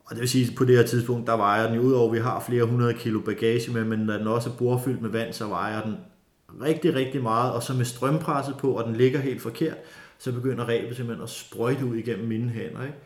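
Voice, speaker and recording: A man telling a lively, casual story with many fillers and restarts. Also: medium pitch. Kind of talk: casual spoken anecdote. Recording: roomy echo.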